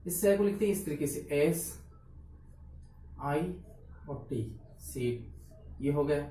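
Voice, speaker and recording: A man gives a blackboard phonetics lesson, asking questions and answering them himself. His mellow voice is on the high side and a little slow, set back from a far-off mic. The room echoes noticeably, with faint room noise underneath.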